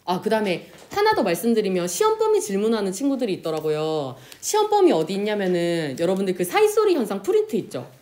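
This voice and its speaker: A woman teacher giving a classroom lesson, asking questions and answering them herself, and drawing out example words slowly. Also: medium pitch. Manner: lively, pronounces example words slowly and drawn out. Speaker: Korean language teacher. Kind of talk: classroom lecture.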